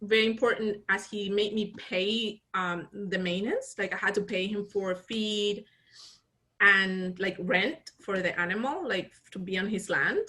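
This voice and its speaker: A woman in her early forties from Colombia, a business founder telling her story in an interview with lively restarts and laughter. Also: mid-range voice, a little slow. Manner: animated storyteller, laughs often, frequent restarts. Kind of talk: casual interview conversation.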